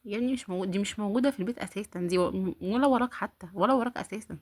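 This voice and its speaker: A woman with an Egyptian Arabic accent rattles off casual reaction commentary at a very fast clip. Her voice sits in a middle register. She mocks the clip she is watching and turns to her viewers with sarcastic asides. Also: medium pitch. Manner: mocking, exasperated, talks straight to viewers. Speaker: reaction video host.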